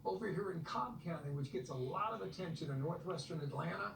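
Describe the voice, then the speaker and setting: A man's voice: fairly high pitch, animated, fairly quick, vocal fry, reverberant, far from the mic, noisy background. American man giving live election analysis. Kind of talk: live news analysis of voting maps.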